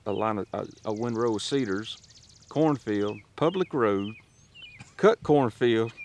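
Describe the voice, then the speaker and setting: A man, a hunter and father, recounting a hunt out in the field in an animated, laughing way. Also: lowish voice, moderate pace. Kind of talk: casual chat in the field. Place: outdoors on farmland. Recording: faint outdoor noise.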